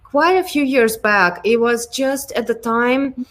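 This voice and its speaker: Speaking slowly in a fairly high, fairly bright voice, this guest is a product design lead from Ukraine in her thirties. She has a Ukrainian accent and handles the interview casually. Her answers hesitate, full of ums, fillers and restarts.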